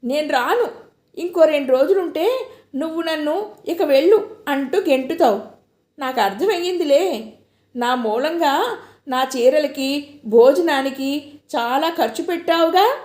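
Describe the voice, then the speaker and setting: A woman's voice: expressive, moderate pace, dark tone. Woman voicing a hurt, fiery young wife. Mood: hurt, angry. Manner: emotional, reproachful, pitched up. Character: young married woman, hurt, quick-tempered. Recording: echoey room.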